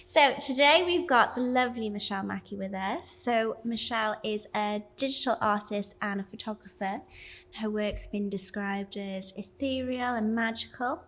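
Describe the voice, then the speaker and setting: A woman's voice: mid-range voice, moderate pace, a bit bright. A woman hosting an interview podcast, bubbly, reassuring and chatty with her guest. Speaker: podcast host. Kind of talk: casual interview chat.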